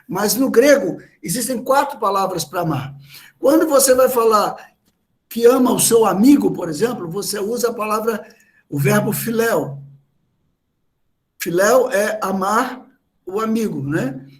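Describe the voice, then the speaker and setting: A Brazilian man with a Brazilian Portuguese accent preaches at a church meeting, his voice sitting high for a man. He teaches patiently, stopping to explain each word. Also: animated, a little slow. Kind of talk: sermon.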